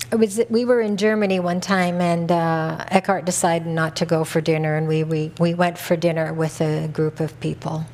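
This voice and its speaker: A middle-aged woman from North America giving a reflective retreat talk as a spiritual teacher, speaking gently and conversationally with easy restarts. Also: on the low side, level tone, normal speed.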